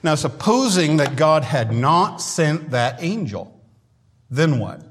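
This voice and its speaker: A man preaching a sermon in a conversational way who often clears his throat, in a church hall. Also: fairly high pitch, big pitch swings, slow. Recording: long hall reverb.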